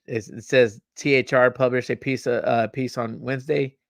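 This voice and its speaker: A young man hosts a podcast, reading a news story aloud and ranting over it. His voice has a gravelly edge, and it is recorded dry and close. He stumbles, repeats words and swears freely as he gets worked up. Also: mid-range voice, steady tone, normal speed, no echo. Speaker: podcast host.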